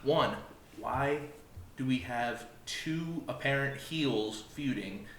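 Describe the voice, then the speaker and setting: Podcast co-host, male, bright forceful voice, blunt and sarcastic, echoey room. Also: mid-range voice, takes it slowly. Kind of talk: casual wrestling review chat. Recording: echoey room with faint noise.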